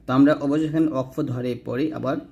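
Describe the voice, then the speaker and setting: A man teaching correct Quran recitation, drawing out each word slowly, then explaining pronunciation quickly and asking listeners to repeat after him. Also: medium pitch, fairly even intonation, vocal fry, dark tone. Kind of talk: slow recitation lesson with explanations.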